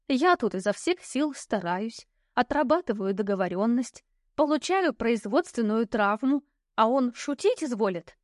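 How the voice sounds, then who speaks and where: Bright-voiced woman narrating an audiobook. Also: on the high side, no room sound, clean studio sound. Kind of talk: first-person audiobook narration.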